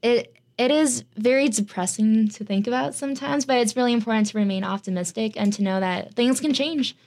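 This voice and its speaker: As a student guest, this young woman from the United States responds to interview questions in a talkative way packed with fillers. Her voice is a little high and a little mellow, and her pace is brisk.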